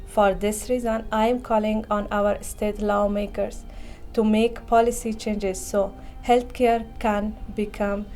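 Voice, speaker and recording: A woman from Afghanistan speaks as a childbirth educator, reading her story with careful earnestness. Her voice is warm and mellow. Faint music plays underneath. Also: medium pitch, little pitch movement, unhurried. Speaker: childbirth educator and community liaison. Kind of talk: read personal testimony.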